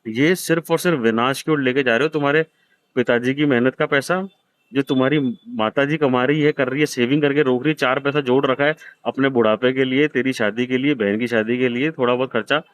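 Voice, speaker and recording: Blunt, scolding man, crisp dry voice. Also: medium pitch, fairly even intonation, a little fast, no room sound. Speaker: host counseling a gambler. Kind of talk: harsh heart-to-heart lecture.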